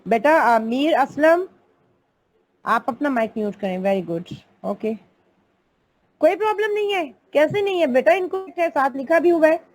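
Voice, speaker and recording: A woman's voice: high voice, expressive, unhurried, a little mellow. A woman teaching an online English grammar class, explaining patiently step by step and calling her students "beta".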